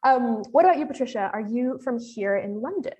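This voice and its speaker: A woman's voice: a little high, expressive, brisk, warm tone, dull audio, close to an everyday voice. A woman with an American accent reading the lines of a cheerful, talkative male innkeeper from London in a friendly, welcoming tone.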